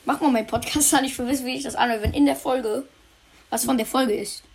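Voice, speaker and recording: A woman's voice: high-pitched, steady tone, quick pace, creaky, darkish tone, slightly rough. Brash teasing young woman gamer. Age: teens. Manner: brash, teasing, swears a lot. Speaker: let's play host. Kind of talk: casual gaming chat.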